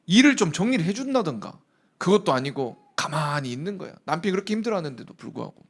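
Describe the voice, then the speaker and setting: A man preaches to young listeners as their pastor, talking to them directly and peppering the sermon with rhetorical questions. His voice sits high for a man. His pitch rises and falls in a lively, animated way.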